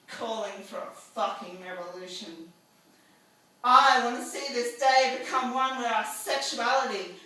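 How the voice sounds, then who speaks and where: Woman poet, bright higher voice, defiant and crude; heard from a distance in a very echoey room. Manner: defiant, crude and emphatic, rising to shouts. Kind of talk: live spoken-word poetry performance. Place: live event venue. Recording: echoey room, mic from afar.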